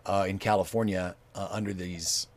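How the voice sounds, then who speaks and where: A man co-hosting a casual chat show, talking haltingly with many fillers and restarts. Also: sits low, level tone, no room sound. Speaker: co-host.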